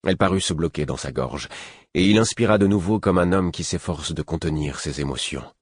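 A man narrating an audiobook in the first person with a measured, dramatic reading. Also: sits low, slightly rough, dry recording, clean studio sound.

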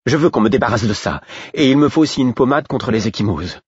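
A man voicing a brisk, scolding female servant who speaks sharply and with exasperation, in an audiobook reading. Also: medium pitch, animated, darkish tone, husky, no room sound, lo-fi sound, voice pushed up. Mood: urgent.

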